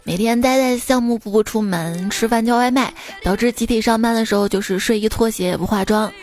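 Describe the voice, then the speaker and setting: A woman's voice: fairly high pitch, a little fast, a little mellow. A woman hosting a podcast, reading listener jokes aloud in a chatty, teasing way. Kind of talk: casual comedic reading.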